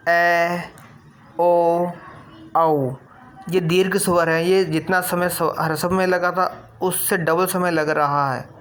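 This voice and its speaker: Guy teaching grammar, talks real slow, kinda high voice, repeats stuff and drags out sounds. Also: fairly bright tone. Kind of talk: grammar lesson.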